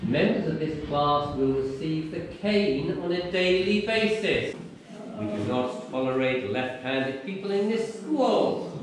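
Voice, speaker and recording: A man's voice: on the high side, animated, a little slow. A man acting as a strict old-time headmaster in a schoolroom, mock-severe and theatrical, heard from a far camera. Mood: stern. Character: stern strict Victorian male headmaster. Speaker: costumed museum reenactor. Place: old-fashioned schoolroom, indoors. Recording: echoey room, voice from far off, noisy.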